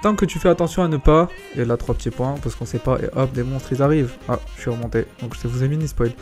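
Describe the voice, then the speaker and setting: A man's voice: medium pitch, fast, a little mellow, soft background music. A man streaming a video game, rambling and self-mocking as he reads the dialogue aloud. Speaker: gaming streamer. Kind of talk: game commentary.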